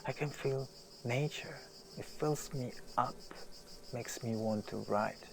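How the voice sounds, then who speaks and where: In a rough recording with clear hiss and outdoor nature ambience, a man of medium pitch speaks slowly and wistfully. He is acting out a naturalistic audio drama monologue as an anguished, restless, self-deprecating famous writer plagued by self-doubt, his brooding intensity moving between hushed and emphatic.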